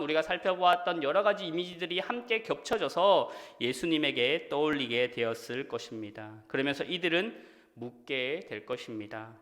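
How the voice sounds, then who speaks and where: A male pastor preaching a sermon earnestly, rising in force on his questions and falling quiet at the ends of sentences. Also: fairly high pitch, big-room sound. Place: church sanctuary.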